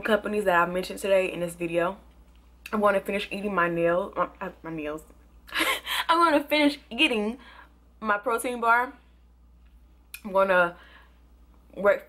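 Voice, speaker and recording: A young woman reviewing products in a casual, excitable vlog, sometimes talking with food in her mouth. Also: on the low side. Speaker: beauty and product vlogger.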